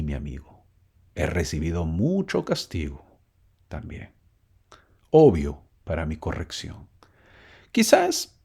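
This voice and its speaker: A man's voice: low voice, warm tone, slightly rough. A man teaching a church lesson, telling stories, asking listeners questions and reading verses aloud. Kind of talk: recorded scripture lesson.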